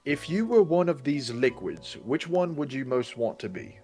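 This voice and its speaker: A man's voice: mid-range voice, big pitch swings, moderate pace, a little mellow, soft background music. A man chatting casually as a player in a tabletop fantasy game, explaining things patiently. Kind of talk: casual in-character game chat.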